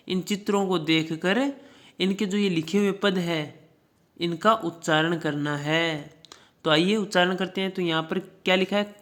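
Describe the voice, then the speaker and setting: A teacher explaining word meanings to children, pronouncing each word slowly and often repeating it. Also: mid-range voice, fairly bright tone. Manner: slow repeated pronunciation drills; addresses children directly, checks with "ठीक है".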